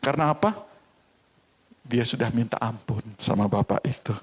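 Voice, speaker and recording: A male pastor with a North Sulawesi Indonesian accent, preaching a sermon as a lively, expressive story. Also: medium pitch, normal speed, breathy edge.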